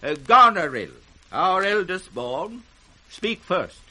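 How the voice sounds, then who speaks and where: A man's voice: high voice, big pitch swings, slow, bright, forceful tone, full character voice, poor audio. An actor playing an aging, imperious British king with grand, declamatory delivery in a 1960s radio Shakespeare play. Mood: regal, deliberate. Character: aging imperious king dividing his kingdom, grand and commanding.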